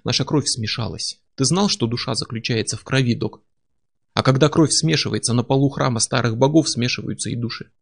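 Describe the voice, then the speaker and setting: A man reading aloud, voicing a patient who calmly and obsessively recounts endless revenge. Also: mid-range voice, fairly quick, creaky. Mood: cold. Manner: cold, quietly obsessive. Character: calm man possessed by vengeful past-life memory.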